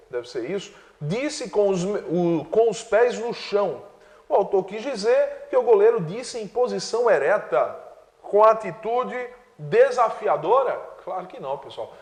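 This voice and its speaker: A man's voice: sits high, darkish tone, roomy sound, in a large hall. A male teacher explaining exam answers step by step, often checking in with "né?". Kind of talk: exam prep lesson.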